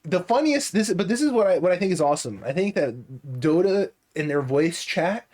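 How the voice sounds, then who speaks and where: A man's voice: sits high, lively intonation, fairly quick, darkish tone. A man co-hosting a casual podcast, talking at length with many restarts and fillers. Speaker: podcast co-host. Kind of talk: casual chat.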